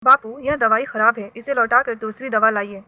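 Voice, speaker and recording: A clever young girl who speaks her mind, read aloud by a woman. Her voice is firm, raised and bright, with a slightly high pitch. She sounds like a storybook character who lectures the grown-ups around her. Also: fairly even intonation, normal speed, muffled recording.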